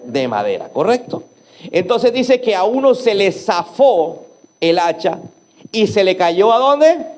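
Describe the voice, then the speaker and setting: A man's voice: sits high, big pitch swings, measured pace, a little mellow. A male pastor preaching a sermon, asking the congregation questions and having them repeat words after him. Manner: call-and-response, has the congregation repeat words; asks the audience many rhetorical questions. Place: church.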